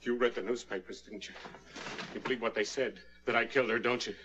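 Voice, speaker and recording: A male actor plays a nervous, guilt-ridden man in a mid-century suspense drama. His voice is forceful and sharp at a middle pitch, with an edgy, halting delivery that carries paranoia and desperation. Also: fairly even intonation, muffled recording, a little hiss or hum, lightly acted. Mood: accusing, paranoid.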